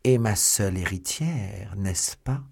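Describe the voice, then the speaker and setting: A sardonic, steely English nobleman, as a male audiobook reader voices him. The voice is deep and husky, close to the reader's own. He speaks in a measured, quietly mocking tone. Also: heavily acted. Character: stern English baron, sly and mocking. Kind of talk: audiobook character voice.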